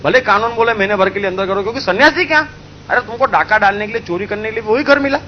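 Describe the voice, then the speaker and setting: A man's voice: sits high, fast, highs cut off, slight background noise, close to an everyday voice. A man voicing an angry male judge in a told story, threatening and harsh.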